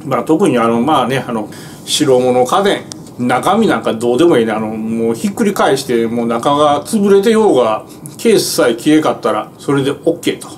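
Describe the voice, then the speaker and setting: Kansai-accented male truck driver, chatty filler-heavy monologue, animated fairly high voice, faint background hiss. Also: brisk. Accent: Kansai Japanese. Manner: rambling, filler-heavy storytelling in broad dialect. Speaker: truck driver telling stories. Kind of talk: casual monologue to viewers.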